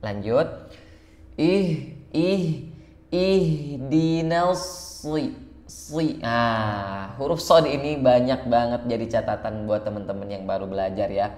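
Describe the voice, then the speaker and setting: A man's voice: medium pitch, darkish tone, reverberant. Indonesian man teaching Quran recitation. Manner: alternates slow drawn-out chanting with quick explanations. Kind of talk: online recitation lesson.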